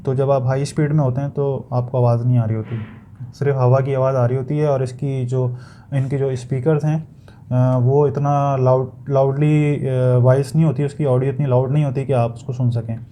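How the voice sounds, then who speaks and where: In the style of an unboxing video, a man with a Pakistani accent reviews a product, explaining it casually. His medium-pitched voice is mellow and flat at a normal speed, he searches for words and repeats some, and there's slight background noise.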